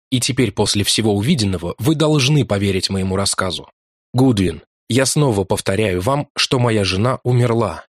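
A man voicing a haunted, grief-stricken male explorer in an audiobook, speaking urgently, at times flat and numb, in a dry, close studio sound. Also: lowish voice, husky, dry recording.

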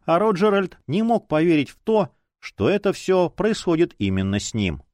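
A man narrating an audiobook in an expressive dramatic style. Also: sits high, normal speed, dry recording, studio quality. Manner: expressive, lively.

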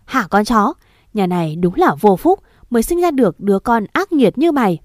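A harsh father scolds coldly and loudly, as a woman narrator acts him out. The voice stays at a middling pitch, dry and close to the mic. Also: very animated, moderate pace, no room sound, close to an everyday voice. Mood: angry scolding. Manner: cold, scolding and loud. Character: harsh angry father, middle-aged man.

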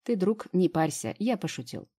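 A woman's voice: fairly low pitch, big pitch swings, moderate pace, dark tone, husky. A woman reading the lines of a teasing, easygoing older brother who is a doctor, in an audiobook. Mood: joking. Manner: joking, mocking, easygoing.

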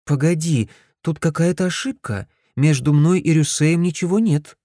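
A man's voice: on the high side, moderate pace, warm tone, dry recording, voice pushed up, lightly acted. A young woman who speaks frankly and politely, as a male reader voices her. The tone is only slightly lifted and the reading stays dry. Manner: direct, frank. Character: young woman, blunt but polite friend.

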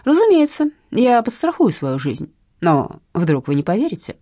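A woman's voice: mid-range voice, wildly swooping pitch, normal speed, warm tone, no room sound, studio quality, pitched above the performer's own voice. A woman voicing an elderly, courteous male blackmailer who speaks in a ceremonious, politely menacing way, in an audiobook. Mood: smoothly menacing. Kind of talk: audiobook narration.

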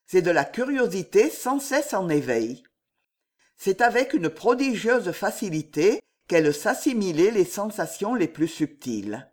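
A narrator reading a historical novel aloud in measured, expressive phrasing. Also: mid-range voice. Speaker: audiobook narrator. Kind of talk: literary audiobook narration.

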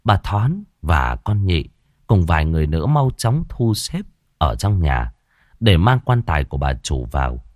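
A man narrating an audio story in an expressive storytelling manner. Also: deep voice, moderate pace, no echo, studio quality.

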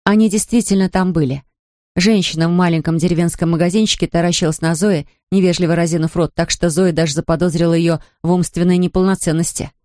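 A woman narrating an audiobook in a measured, expressive storytelling manner. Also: on the low side, no echo, clean studio sound. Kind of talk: scripted narration.

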